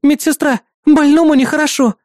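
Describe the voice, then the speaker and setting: A man's voice: very high-pitched, fairly quick, warm tone, dry recording, studio quality, voice pushed up. A man voicing a bossy, jealous young woman in an audiobook, scolding and bickering. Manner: indignant, bickering. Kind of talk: audiobook character voice.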